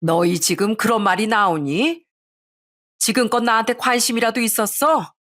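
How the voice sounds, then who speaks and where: A woman's voice: on the high side, moderate pace, fairly bright tone, pitched above the performer's own voice, natural voice. A woman reading an angry older mother who scolds her greedy son and daughter-in-law in a raised, indignant voice. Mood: stern.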